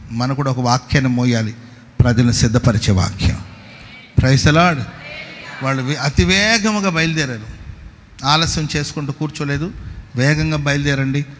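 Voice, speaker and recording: A man's voice: mid-range voice, big-room sound. A man preaching a fervent sermon as pastor at a worship service, often calling out praise and asking the congregation questions.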